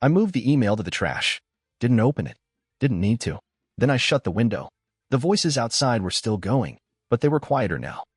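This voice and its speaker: Young male narrator, first-person story, lively intonation, dry close sound. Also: medium pitch, normal speed, slightly rough, dry recording.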